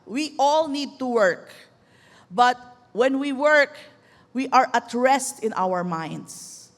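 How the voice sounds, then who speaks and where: A woman pastor with a Filipino accent preaching a sermon in a mix of Tagalog and English. She calls out for amens and slows to a soft hush on key lines before rising loud again. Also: sits high, animated. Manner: switches between Tagalog and English, asks the crowd for amens; slows right down and softens on key lines, then rises loud. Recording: long hall reverb.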